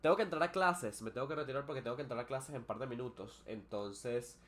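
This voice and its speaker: A man's voice: mid-range voice, fast, a bit bright. Man teaching English on a live stream. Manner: switches between Spanish and English, explains pronunciation with hesitant fillers.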